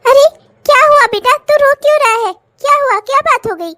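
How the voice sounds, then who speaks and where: A woman's voice: very high voice, expressive, moderate pace, sharp tone, no room sound, clean studio sound, heavily acted. A woman voicing a scheming older mother-in-law who whines in theatrical self-pity in a cartoon comedy. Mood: wailing. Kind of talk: cartoon voice acting.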